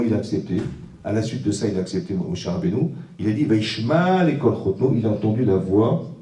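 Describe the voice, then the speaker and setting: Animated rabbi teaching in an echoey room. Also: male voice, fairly low pitch, distant mic. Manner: animated, asks his listeners rhetorical questions and acts out little scenes. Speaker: rabbi teaching a class for girls. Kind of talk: religious class lecture. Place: classroom.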